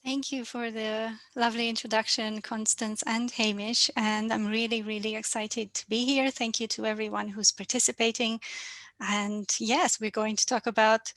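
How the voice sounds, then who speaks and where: A woman in her thirties from Romania, speaking with a Romanian accent as a financial coach guest, measured and reflective, on a video call. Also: fairly high pitch, flat delivery, a bit bright, no room sound. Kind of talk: online interview.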